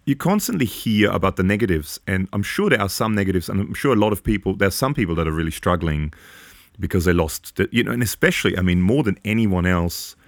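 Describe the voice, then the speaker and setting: A man in his forties co-hosts a podcast, offering long, earnest, rambling opinions in casual conversation. His low voice is expressive and fast, and the recording has no room sound.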